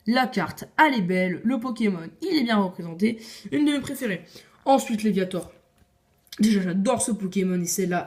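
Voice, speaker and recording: A woman's voice: medium pitch, a little mellow. A woman casually showing her card collection on video, chatty and opinionated, with frequent hesitations. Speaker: video creator.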